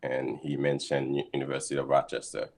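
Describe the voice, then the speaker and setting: A guest scientist from Haiti explains his work steadily in a casual video-call interview, thoughtful and using frequent ums. His voice is a rumbling low, gravelly and darkish, with a flat, brisk delivery.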